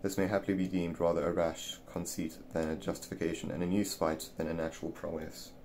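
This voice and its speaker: Deep-voiced man reading an old essay. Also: level tone, a little fast, vocal fry, darkish tone, a little hiss or hum. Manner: stumbling, repeating words as he reads. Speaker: reader of a classic essay. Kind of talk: reading an old text aloud.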